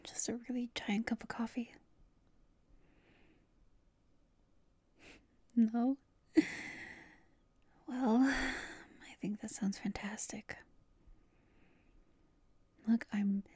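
A woman's voice: a little high, fairly even intonation, slow, long pauses, a little mellow, husky, no echo, exaggerated voice. A woman voicing a tired, playful, affectionate girlfriend in a whispered role-play, talking intimately and a little hesitantly on a late-night call to her lover. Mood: teasing, sleepy.

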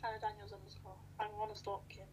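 A woman's voice: medium pitch, little pitch movement, quick pace, darkish tone, slightly rough, poor audio. A young woman co-hosting a casual livestream from a small room, playful and teasing. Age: young adult. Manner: playful, teasing, laughs often. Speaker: livestream co-host. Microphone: webcam at desk.

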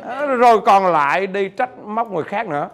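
This middle-aged Vietnamese business trainer has a high-pitched voice and a brisk delivery. His seminar talk is lively and jokey, with repeated words and questions aimed at the audience.

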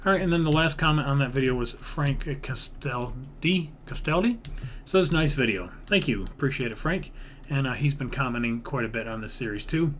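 This gaming video creator, with an average-pitched, slightly bright and expressive voice, narrates his own build series at a moderate pace. He rambles casually, thinks aloud, half-mutters counts, and swears a little. The recording, made indoors at his computer, carries clear background noise and typing.

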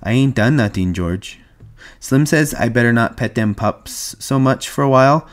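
A man reading aloud and playing a slow, childlike, timid ranch hand who talks in a soft, hesitant, pleading way. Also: medium pitch, expressive, lightly acted. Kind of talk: audiobook reading.

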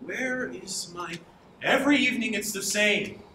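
A man's voice: high voice, measured pace, bright, forceful tone. A young man playing a grumpy husband. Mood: irritable. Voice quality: snappish, exasperated. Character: irritable, bad-tempered middle-aged husband. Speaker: stage actor. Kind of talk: school stage play. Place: school auditorium stage. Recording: echoey stage hall, room noise.

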